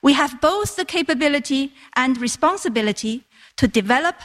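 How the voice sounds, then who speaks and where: A woman delivers a translation voice-over, rendering a speech in measured, formal phrasing. Her voice sits high and sounds bright and clear. It has the even, careful pacing of an interpreter. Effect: translation voice-over laid over a foreign-language speech.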